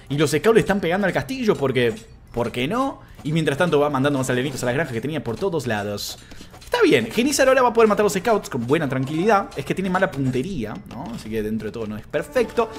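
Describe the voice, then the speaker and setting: Lively Argentine game caster, man. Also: fairly high pitch. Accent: Argentine Spanish. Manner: excitable, swings between calm play-by-play and shouted disbelief; swears casually. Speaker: streamer and caster. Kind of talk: live game commentary.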